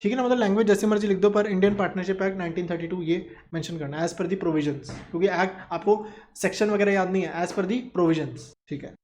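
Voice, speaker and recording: During a classroom lecture on accounts, a commerce teacher poses questions he answers himself and blends Hindi with English terms. He speaks fast in a high, darkish voice, with slight background noise.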